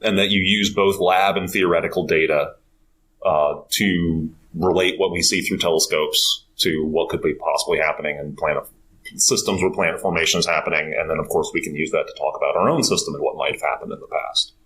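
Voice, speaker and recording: A man hosting a casual interview podcast, chatty and quick to jump in with agreement. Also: sits low, fairly even intonation, fairly bright tone, low-quality recording. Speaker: podcast host.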